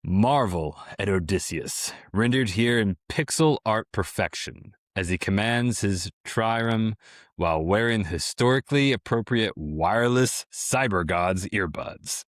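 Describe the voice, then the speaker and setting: A man putting on a deadpan newscaster voice to read a spoof commercial. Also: fairly low pitch, measured pace, no room sound, clean studio sound. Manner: deadpan, mock-grand.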